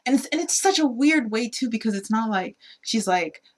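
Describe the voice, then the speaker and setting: A woman's voice: a little high, moderate pace. A woman co-hosting a podcast, casually talking through a film and acting out the characters' lines as she goes. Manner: animated retelling, acts out characters' lines. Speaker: podcast co-host.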